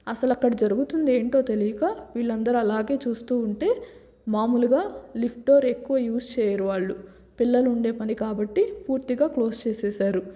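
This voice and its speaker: A woman storyteller narrating a serial love story briskly. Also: a little high, mellow. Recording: long reverb.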